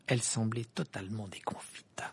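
A reader narrating an amateur audiobook in a lively way. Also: mid-range voice, normal speed, breathy edge. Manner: lively reading that slips into laughter.

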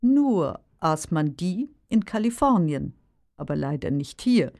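An actress playing a practical, skeptical daughter who contradicts drily in scripted dialogue. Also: female voice, low-pitched, very animated, a little slow, gravelly, dark tone, full character voice. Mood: dry, contradicting. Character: practical, skeptical grown daughter of a nostalgic father. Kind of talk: scripted language-lesson dialogue.

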